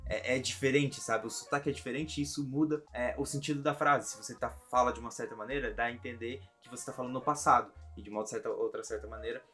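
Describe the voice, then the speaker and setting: A young man from Brazil with a Brazilian Portuguese accent, talking casually in a reaction vlog, chatty and quick to laugh. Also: medium pitch, steady tone, a bit bright, faint music behind. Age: young adult. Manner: chatty, laughs often, repeats himself. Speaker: vlogger.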